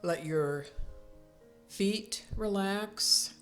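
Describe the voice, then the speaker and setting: A female instructor guides a yoga nidra relaxation at medium pitch, giving calm, soothing instructions slowly and with pauses. Faint music plays behind her.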